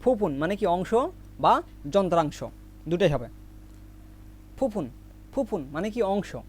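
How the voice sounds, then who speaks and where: A man's voice: high-pitched, lively intonation, measured pace, darkish tone, husky. A man teaching vocabulary, asking what each word means and answering it himself over and over. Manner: repetitive question-and-answer drilling. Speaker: Korean language teacher. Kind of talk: recorded vocabulary lesson with memory tricks.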